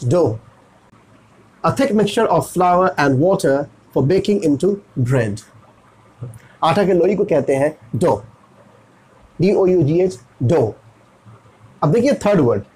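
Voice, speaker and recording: A man with an Indian accent teaches English pronunciation in Hindi, asking his own questions, answering them, and spelling words out letter by letter. His voice sits high with a darkish tone and a breathy edge, on a rough recording.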